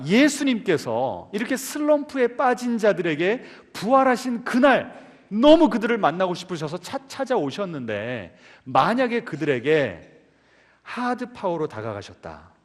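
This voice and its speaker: A male pastor giving a Sunday sermon in a church sanctuary, keeps asking the congregation questions. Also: high voice. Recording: long reverb of a church hall.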